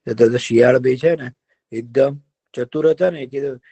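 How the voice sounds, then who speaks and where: A man telling a folk tale to children in a lively, drawn-out, engaging way. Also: medium pitch, breathy edge. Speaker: storyteller for children. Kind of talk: children's storytelling.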